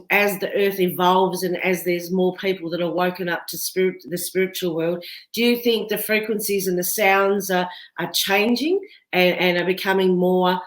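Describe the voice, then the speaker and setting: Woman, podcast host, chatty, tag questions, echoey room. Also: medium pitch. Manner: chatty, agreeable, often adds tag questions. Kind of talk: casual interview chat.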